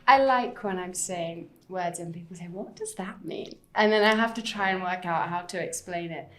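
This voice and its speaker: A woman's voice: on the low side, normal speed, roomy sound, slight background noise. A woman from England with an English accent, co-hosting a casual podcast chat as an English teacher, joking and laughing often.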